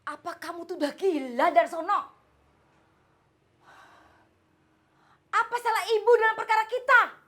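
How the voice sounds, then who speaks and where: A frightened young wife in a televised crime reenactment. Her very high voice pleads anxiously for help. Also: lively intonation, fast, a bit bright. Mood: angry disbelief.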